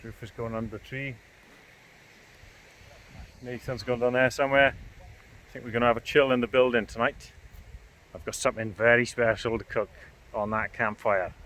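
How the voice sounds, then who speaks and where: A British man films a camping vlog outdoors among farmland and woods, chatting informally off the cuff. His mid-range voice is a bit bright, with little pitch movement, a moderate pace, and long pauses, in a clearly noisy field recording.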